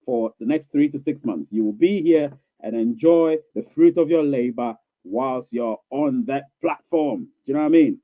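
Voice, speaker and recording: Reading out viewer questions on a casual live stream, a mid-range-voiced man responds at a moderate pace with hardly any pauses. He's reassuring and coaxing but rambles, repeating himself and filling gaps with fillers. There's no room sound, just a tinny, phone-like dry tone.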